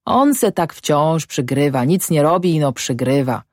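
Brief: woman reader doing a suspicious old village farmer, mutters in dialect, low dry voice. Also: expressive, a little slow, a little mellow, no echo. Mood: grumbling storytelling. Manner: rustic dialect, muttering and grumbling. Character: shrewd wary old peasant farmer man. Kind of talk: audiobook character voice.

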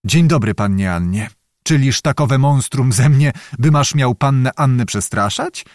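A man's voice: medium pitch, lively intonation, measured pace, darkish tone, no echo, close to an everyday voice. A man voicing a dry, ironic young lieutenant in an audiobook.

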